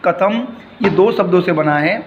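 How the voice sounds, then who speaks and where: High-pitched guy teacher going over a poem word by word, slow and repetitive, dull lo-fi recording with long echo. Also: slight background noise. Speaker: school teacher. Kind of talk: recorded Sanskrit lesson explained in Hindi.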